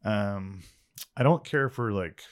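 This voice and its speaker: A man co-hosting a podcast, chatting casually with deadpan jokey asides. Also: fairly low pitch, takes it slowly. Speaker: podcast co-host. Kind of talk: casual comedic chat.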